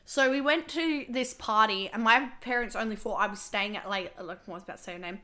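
Bright-voiced woman host. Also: medium pitch, fast. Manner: chatty, filler-heavy, confessional. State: losing her voice. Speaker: podcast host. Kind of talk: casual podcast chat.

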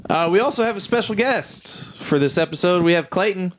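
A man hosting a casual movie review podcast, talking haltingly with many fillers and restarts. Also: high voice, animated, slight background noise. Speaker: podcast host.

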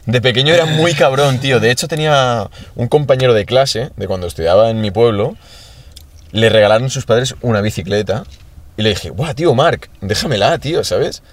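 A man chats in a relaxed, easy way. He swears freely and closes nearly every phrase with a slangy address to his friends. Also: mid-range voice, brisk, no echo. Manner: laid-back, peppered with "tío" and swearing. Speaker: podcast co-host. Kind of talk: casual chat.

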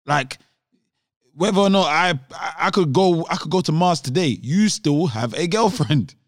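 A man's voice: a little high, expressive, moderate pace, no room sound, studio quality. A young man with a London urban roadman accent, chatting casually on a podcast in a slangy, emphatic, argumentative way. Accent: London urban roadman (Multicultural London English). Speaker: podcast co-host.

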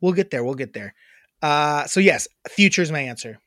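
A woman's voice: deep voice, lively intonation, moderate pace, fairly bright tone, no room sound, clean studio sound. A young adult woman co-hosting a podcast in casual chat. She swears freely, mocks herself and laughs at her own attempts. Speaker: podcast co-host.

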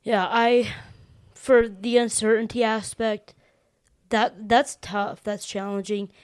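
Young woman hosting, somewhat high voice. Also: little pitch movement, slow, clear, resonant tone. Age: young adult. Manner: supportive, laughs easily. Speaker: podcast host. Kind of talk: casual chat.

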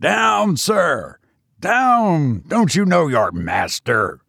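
A man's voice: fairly high pitch, big pitch swings, drawn-out words, vocal fry, slightly rough, no echo, clean studio sound, voice pushed up, exaggerated voice. A man doing a cousin shrieking at his beast. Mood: commanding. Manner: shouting in rising terror. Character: scheming middle-aged male cousin, panicking as his beast turns.

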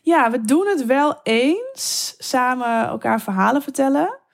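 A woman guest talking openly and eagerly in an interview, speeding up in quick bursts. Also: sits high, lively intonation, vocal fry. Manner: open, enthusiastic, quick bursts with laughs. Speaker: guest telling erotic stories. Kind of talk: interview conversation.

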